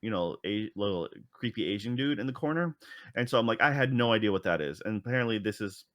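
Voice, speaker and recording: Low-voiced man chatting casually. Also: animated, fast, a bit bright, no room sound, studio quality. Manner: rambling, many fillers and restarts. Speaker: podcast co-host. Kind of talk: casual chat.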